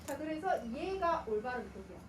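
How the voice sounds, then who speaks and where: A woman lectures on grammar in a high, animated voice, firing questions at her students and then answering them herself. She sounds a little distant from the mic, in an echoey room. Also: moderate pace, slight background noise. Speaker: Korean grammar teacher.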